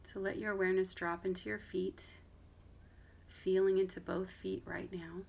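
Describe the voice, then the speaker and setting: A female meditation guide leads a guided body scan, her medium-pitched voice gentle, unhurried and fairly flat, with gravelly vocal fry. She gives instructions with long pauses, and the recording is muffled and lo-fi with clear background noise.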